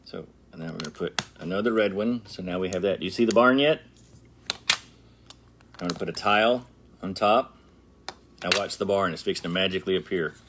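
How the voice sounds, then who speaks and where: A middle-aged man with a deep voice hosts a casual brick-building channel tutorial, speaking a little fast with long pauses over background noise. Chatty and playful, he addresses viewers directly, humming and joking as he works.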